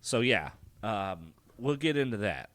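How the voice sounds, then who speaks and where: A man's voice: lowish voice, a little slow, a little hiss or hum. A man co-hosting a podcast, chatting casually about a film, swearing often and restarting his sentences. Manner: swearing, restarts, lively back-and-forth. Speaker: podcast co-host.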